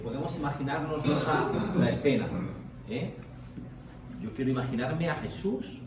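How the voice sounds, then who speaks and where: Man, Bible study leader, explanatory, checks in with listeners, slow, high, echoey room afar. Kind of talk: teaching a Bible study group. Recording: echoey room, far from the mic, faint noise.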